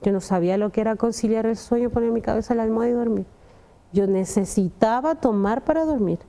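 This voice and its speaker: A woman's voice: fairly high pitch, fast talker, mellow. A young adult woman, giving an earnest personal testimony and often addressing the pastor. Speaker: testimony guest.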